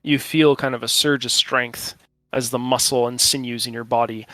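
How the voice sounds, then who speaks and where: A man acting as game master, narrating and refereeing a tabletop role-playing game in an informal, halting way. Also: medium pitch, fairly even intonation, sharp tone, dry recording. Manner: informal, halting while checking rules.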